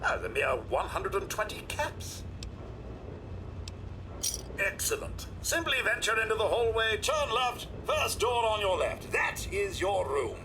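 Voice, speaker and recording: A man voicing a snarky male robot hotel butler in a video game, talking in a smooth, overly polite way with sly sarcastic asides. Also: sits high, sing-song, a little slow, exaggerated voice. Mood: snooty. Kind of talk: video game character dialogue. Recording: game audio under loud background noise.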